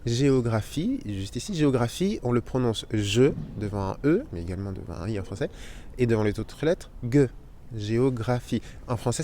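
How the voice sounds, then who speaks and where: A man's voice: mid-range voice, warm tone, slight background noise. Man teaching Spanish letters. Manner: explains slowly, spelling out sounds and repeating them. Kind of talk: language lesson.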